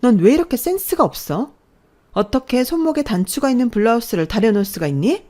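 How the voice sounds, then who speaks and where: A woman voicing a spoiled, bratty young woman announcer who whines and scolds her older sibling in a shrill voice. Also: very animated, moderate pace, darkish tone. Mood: scolding.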